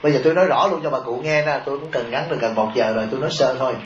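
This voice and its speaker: This man, a Buddhist monk, speaks at medium pitch and a racing pace, with slight background noise, as he gives a humorous sermon full of chuckles and rhetorical questions. The tape of it is echoey and dull.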